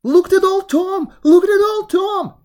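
A woman's voice: low voice, big pitch swings, slow, heavily acted. A woman reading aloud and voicing the impatient, anxious wife of a village sexton. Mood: alarmed. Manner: urging, impatient. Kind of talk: storybook reading.

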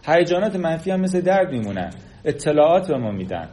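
Male lecturer, fairly high voice, animated delivery, plays out quoted lines. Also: a little hiss or hum. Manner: animated, acts out quoted speech.

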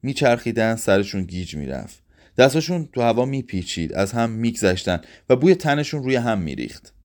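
A man reading a literary short story aloud in a measured, expressive way. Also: mid-range voice.

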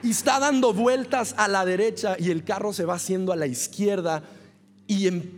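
A man preaching a Sunday sermon as pastor, telling a personal story in an animated way with bursts of laughter. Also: high voice. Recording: reverberant hall.

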